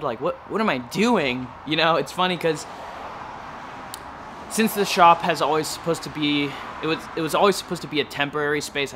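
A young man chatting casually in a garage workshop vlog, self-deprecating and quick to laugh. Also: fairly high pitch, background noise. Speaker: vlogger.

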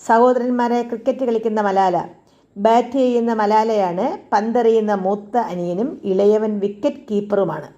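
A woman reading a documentary script aloud at a steady, even pace, announcing each scene. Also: mid-range voice, normal speed, muffled recording. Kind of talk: read-aloud script narration.

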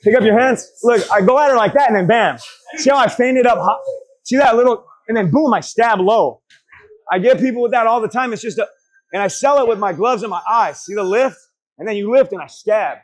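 Male boxing coach, very high voice, urging pep-talk delivery, blunt and salty, hands-on instruction with call-and-response questions. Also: fairly quick. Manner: profane; asks the group questions and answers them. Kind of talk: hands-on drill instruction to a class. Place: boxing gym during a group class.

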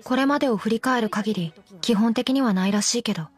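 An actress voicing a deadpan undead doll girl who teases dryly in an in-character anime commentary. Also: a little high, fairly quick, soft background music, close to an everyday voice. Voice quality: flat, emotionless delivery. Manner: teasing, dry deadpan jokes. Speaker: commentary co-host.

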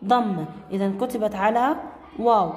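A woman teacher, quizzing pupils by name and repeating grammar rules slowly. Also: medium pitch, a little mellow, reverberant, big-room sound, slight background noise. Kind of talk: classroom grammar lesson. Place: classroom.

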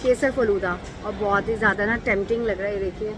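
A travel vlogger in her forties chats casually to a phone held at arm's length, moving from an airport lounge into an airliner cabin as she describes her food and seats. She speaks quickly with a medium pitch and fairly even intonation. Loud airplane engine and cabin hum fill the recording.

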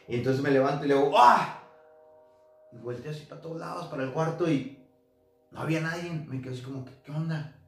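A man's voice: on the high side, very fast, slight background noise. A man casually telling ghost stories from his travels, acting out what people said. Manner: relaxed anecdotal, acts out quotes. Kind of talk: casual storytelling. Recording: roomy echo.

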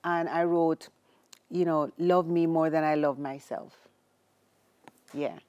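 Lively storytelling woman with a lilt. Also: deep voice, slow, clean tone. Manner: animated storyteller, laughs often. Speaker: guest. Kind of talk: casual chat.

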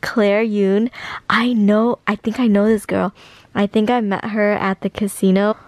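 A tired young woman talks slowly in a casual vlog, gushing and drawing out her words with affection. Her voice is gravelly and a little high, and the sound is close and dry. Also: level tone, a little mellow, no room sound. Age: young adult. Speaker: vlogger reading fan messages.

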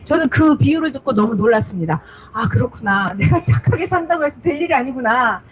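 High-voiced woman preaching with repeated emphasis. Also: expressive, brisk, slight background noise, rough recording. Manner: repeats words for emphasis, asks the listeners questions. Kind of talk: children's-style sermon storytelling.

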